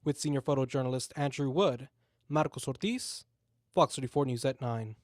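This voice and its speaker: A man narrating a local TV news story as a reporter, in a measured, even delivery. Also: mid-range voice, background noise.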